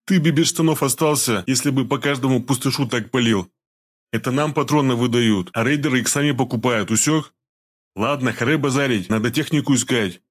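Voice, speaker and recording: A man's voice: medium pitch, fairly quick, lightly acted. A man reading an audiobook, voicing a fat, coarse male thug who talks in crude slang and mocks others. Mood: mocking, coarse.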